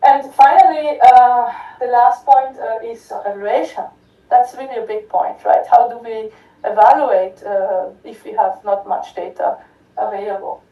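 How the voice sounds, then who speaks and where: Speaking a little slowly with a fairly high pitch, a woman gives an academic talk in a lecture hall. Fillers, restarts and regular "right?" check-ins mark her delivery, and the recording is distant, echoey and lo-fi.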